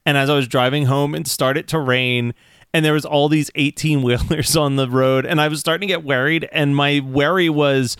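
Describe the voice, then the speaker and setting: A man's voice: fairly high pitch, fairly even intonation, normal speed, a bit bright, smooth, dry recording, clean studio sound. Wry, rambling man podcaster. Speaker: podcast co-host. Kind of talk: casual chat.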